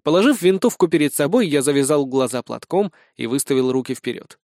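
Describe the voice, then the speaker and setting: A man reading a humorous first-person audiobook with a wry, deadpan delivery on a close mic. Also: a little high, fairly quick, no echo. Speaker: audiobook narrator.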